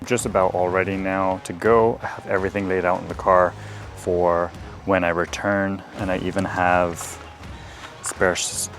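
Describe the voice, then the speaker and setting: A man's voice: low voice, little pitch movement, measured pace, a bit bright. A man chatting casually and informally as he vlogs a run, thinking aloud in an upbeat way. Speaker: vlogger, trail ultra runner. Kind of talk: casual vlog chat. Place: mostly outdoors. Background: music.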